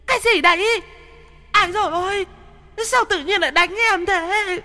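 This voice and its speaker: A shrill female ghost, put on by a male storyteller, squeals in a piercing falsetto. The voice is sharp and bright, trailing a long reverb as if wailing through an empty hall. Frightened and pleading throughout. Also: moderate pace, exaggerated voice. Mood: shrill confused.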